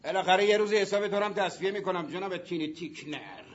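An actor dubbing a bossy, mocking gangster with a husky voice. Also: male voice, high-pitched, a little hiss or hum, close to an everyday voice. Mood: menacing. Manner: taunting, bossy. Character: threatening, mocking male gangster buyer. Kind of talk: dubbed film acting. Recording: dull lo-fi dub track.

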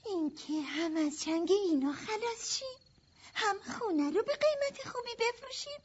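A woman's voice: extremely high pitch, lively intonation, a little hiss or hum. A woman dubbing an anxious amateur-detective sister with a pleading, tremulous manner. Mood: earnest. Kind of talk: dubbed film acting. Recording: dull lo-fi dub track.

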